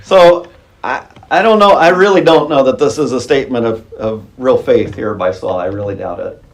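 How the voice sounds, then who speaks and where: In a roomy church sanctuary, a male pastor preaches a conversational, wry sermon sprinkled with chuckling asides. His mid-range voice moves a little fast.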